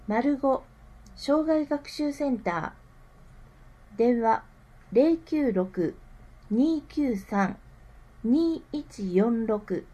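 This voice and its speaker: A woman reading scripted public information aloud with careful, measured enunciation. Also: on the high side, expressive, warm tone, dull audio. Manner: careful enunciation, digits read out slowly one group at a time. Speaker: reader of a town newsletter.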